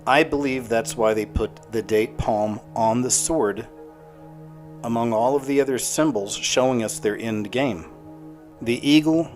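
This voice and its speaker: A man's voice: mid-range voice, a little mellow. A man delivering scripted commentary as a narrator. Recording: music under the voice.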